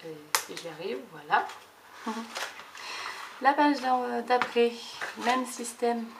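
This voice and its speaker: A woman's voice: on the high side, lively intonation, slow pace, vocal fry. Chatty woman with faint noise behind. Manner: chatty, hesitant, many fillers and restarts. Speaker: scrapbooking vlogger. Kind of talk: casual show-and-tell.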